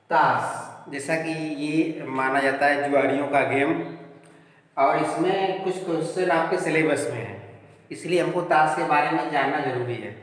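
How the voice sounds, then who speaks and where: A male teacher speaks in a classroom, his slightly high voice explaining card types one by one. He keeps asking the class rhetorical questions. The room rings with a strong, long reverb. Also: a bit bright. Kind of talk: classroom math lesson at a board. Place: classroom with a board.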